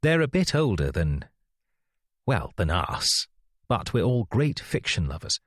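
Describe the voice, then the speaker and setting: Narrator playing a keen book-loving husband, friendly and teasing, a bit above his low register. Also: very animated, measured pace, dry recording, studio quality. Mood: enthusiastic. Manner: enthusiastic, gently teasing. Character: warm enthusiastic young husband, sociable book lover.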